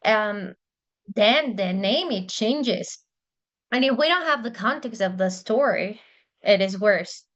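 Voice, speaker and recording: A woman's voice: medium pitch, lively intonation, takes it slowly, a bit bright, dull audio. A woman whose first language is Spanish, explaining church interpreting in casual talk, hesitant with many fillers and restarts.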